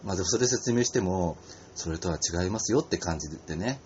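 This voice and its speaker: A man's voice: sits low, fast talker. A man hosting a casual radio talk, rambling through stories with lots of fillers and small stumbles. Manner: animated, rambling storyteller with frequent fillers and stumbles. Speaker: podcast host. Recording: slightly dull audio with faint ambient noise.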